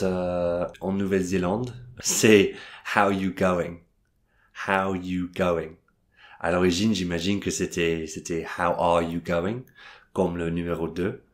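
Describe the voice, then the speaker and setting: A man with a very low voice teaches an informal English lesson in careful French, his English accent plain under it. He talks slowly and hesitantly, with many fillers and restarts. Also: darkish tone. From England. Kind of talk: video language lesson.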